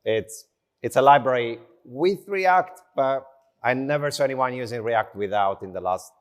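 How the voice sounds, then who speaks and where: A man speaking English as a second language gives a conversational tech talk at a slow, unhurried pace, informal and self-deprecating. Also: medium pitch, lively intonation. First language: not English. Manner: unhurried, slow delivery with short phrases. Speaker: conference speaker. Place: conference stage in front of an audience.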